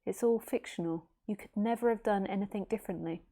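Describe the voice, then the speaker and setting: A woman's voice: mid-range voice, quick pace, mellow. A woman in her late thirties, a spiritual teacher giving a casual philosophical talk in a rambling, easygoing way with jokey asides. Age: late 30s.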